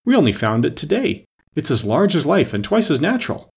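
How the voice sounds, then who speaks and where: A man's voice: mid-range voice, big pitch swings, moderate pace, husky. A man voicing an eager, fussy storybook messenger with a confiding, impatient manner.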